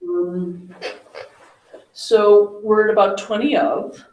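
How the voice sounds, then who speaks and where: Warm-hearted woman leading a group exercise; roomy, distant recording with faint hiss. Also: medium pitch, fairly even intonation, slow pace. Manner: gentle, instructive, laughs often. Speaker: workshop facilitator.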